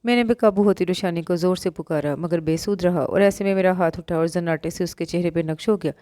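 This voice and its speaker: Here is a woman with a low, mellow voice narrating a romance novel in the first person. She reads at a steady, even pace, and the recording is close and dry with no room sound. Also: brisk, no room sound. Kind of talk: audiobook reading of a romance novel.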